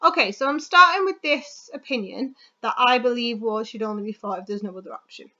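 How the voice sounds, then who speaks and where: A woman teacher explains a writing task in a loose, chatty way, full of ums and quick restarts. Her voice sits a little high, and the recording sounds muffled and lo-fi. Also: bright, forceful tone. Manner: chatty, quick, self-correcting, pauses with ums. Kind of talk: recorded classroom lesson. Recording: dull lo-fi sound.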